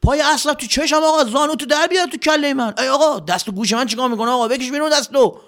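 A man voicing a crowd of squabbling male soldiers in a storybook tale, bickering in high, frantic voices. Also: a bit bright.

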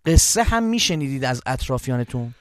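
A man's voice: mid-range voice, no room sound, clean studio sound. A man hosting an interview who asks polite, formal questions and keeps affirming his guest. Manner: courteous, formal, with steady affirmations. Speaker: interviewer host. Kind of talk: interview conversation.

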